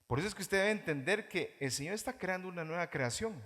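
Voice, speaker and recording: A man with a Guatemalan Spanish accent preaching a sermon as pastor, animated, mimicking churchgoers in mocking voices. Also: high voice, fast. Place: church hall. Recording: reverberant church hall.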